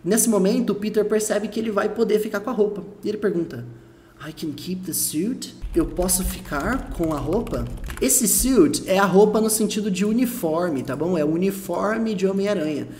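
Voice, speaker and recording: A man's voice: high-pitched, a little fast, a little mellow, a little hiss or hum. A Brazilian man teaching a lesson, explaining patiently, repeating his points and checking the listener follows. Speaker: English teacher.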